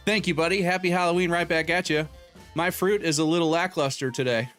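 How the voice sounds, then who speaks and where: A young man with a slightly high voice hosts a relaxed live stream from a home room, talking into a desk mic. He jokes around and calls out viewer names and donations as they come in. Faint background music plays under his voice. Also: a little fast, smooth. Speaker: streamer host. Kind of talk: casual live-stream chat.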